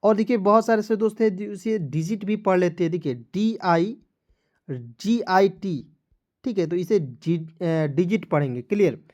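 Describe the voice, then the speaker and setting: A man's voice: sits high, lively intonation, unhurried, a little mellow. A man teaching an online reading lesson, spelling out each word letter by letter and often checking if viewers understand.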